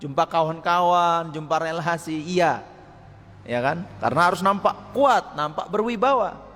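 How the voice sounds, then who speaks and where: A man teaching a mosque study circle. He talks in a lively way, acts out short quoted lines and chuckles often. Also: on the high side, moderate pace. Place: mosque hall. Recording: long hall reverb with faint noise.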